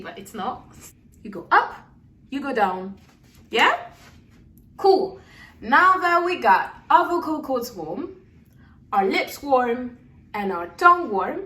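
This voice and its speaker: In an echoey room, a singing teacher sounds a bit far from the microphone while quiet instrumental music plays faintly in the background. She's young, high-voiced, easygoing and supportive, pausing frequently to check on her students as she models lip trills and sung syllables during vocal exercises.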